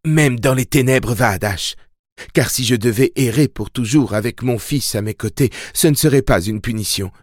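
A man's voice: mid-range voice, normal speed, no echo, clean studio sound, voice pushed up, lightly acted. A man voicing a desperate young mother who pleads urgently, raising his voice for her. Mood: pleading.

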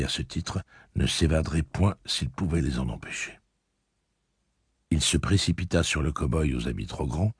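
Husky male audiobook narrator with a steady, measured storytelling manner and a very deep, dry voice. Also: no echo.

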